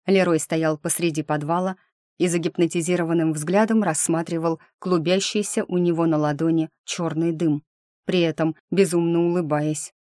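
A woman telling a first-person fantasy story as an audiobook narrator, with lively, engaged storytelling. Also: fairly low pitch, normal speed, no echo, clean studio sound.

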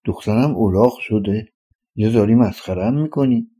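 Storybook figure: a worried, insistent mother, read by a man, warm dark voice. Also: fairly low pitch, husky. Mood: anxious. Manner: urgent, demanding questions. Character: village mother, anxious and demanding.

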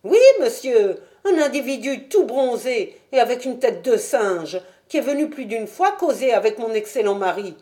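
A woman's voice: a little high, animated, moderate pace, hardly any pauses, voice pushed up, natural voice. A woman voicing a stout, talkative boatman's wife in a French audiobook. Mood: chatty. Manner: loud, fussing and talkative. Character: shrill stout working-class boatman's wife.

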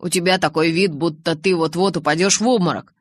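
A woman's voice: lowish voice, fairly even intonation, brisk, dry recording, studio quality, lightly acted. A woman reading the lines of a teasing, easygoing teenage boy in an audiobook, with a playful, prodding way of asking questions. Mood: reassuring.

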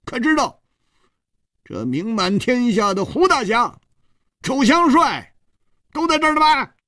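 Man putting on shrill cowardly escort chief, stammering, husky, dry sound. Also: very animated, measured pace, sharp tone, no room sound, full character voice. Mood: blustering scared. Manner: stammering in fright, high and strained.

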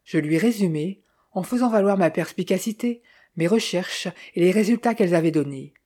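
A woman narrating a novel in an even, measured reading. Her voice is low and mellow, with a soft husky grain. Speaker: audiobook narrator. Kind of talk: scripted narration.

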